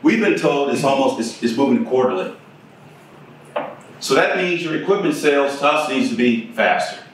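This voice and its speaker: A middle-aged man gives a conference keynote in a conversational style, asking the audience questions from a room with a projector screen. His mid-range voice is fairly bright; the echoey, distant recording has a little hiss or hum.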